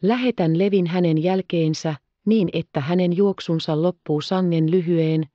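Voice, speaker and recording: A woman reading the part of a calm older colonel who gives brisk orders. The audio is slightly dull. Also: on the low side, dry recording, natural voice. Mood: resolute.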